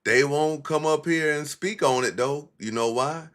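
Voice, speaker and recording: A man's voice: fairly high pitch, a little slow, fairly bright tone. Blunt, profane man ranting on a livestream. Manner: blunt, profane, mocking street talk. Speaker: livestream commentary host. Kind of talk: casual livestream commentary.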